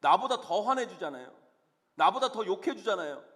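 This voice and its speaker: Male pastor, high voice, earnest sermon, church hall reverb. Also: big pitch swings, moderate pace, a bit bright. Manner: earnest, emphatic preaching with rhetorical questions. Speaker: senior pastor. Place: church sanctuary.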